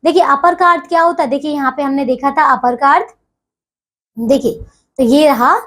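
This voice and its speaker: Young woman teacher, fairly high voice, patient, walks kids through grammar step by step. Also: steady tone, normal speed, fairly bright tone. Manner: patient, repeats "dekhiye" and "theek hai" often. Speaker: school teacher. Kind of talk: explaining a grammar lesson to children.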